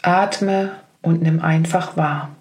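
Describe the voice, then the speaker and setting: Female meditation guide; calm, level delivery, unhurried pace. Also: low voice. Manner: slow, gentle spoken instructions.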